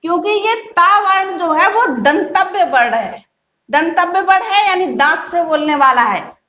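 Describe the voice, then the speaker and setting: A woman teacher giving a reading lesson, speaking slowly and patiently, repeating words syllable by syllable. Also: very high voice, animated, pushed and bright. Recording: dull, echoey room.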